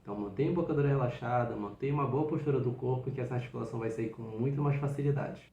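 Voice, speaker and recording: Man, flute teacher, patient and encouraging, mid pitch, echoey room. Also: rapid-fire, mellow, highs cut off, a little hiss or hum. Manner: patient, encouraging step-by-step explanation. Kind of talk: instructional video. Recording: roomy echo.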